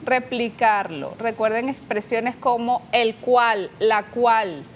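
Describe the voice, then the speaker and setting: Brisk woman host reading questions. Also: a little high. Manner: brisk, reads out viewer questions, short backchannels. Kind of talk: casual interview. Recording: faint background noise.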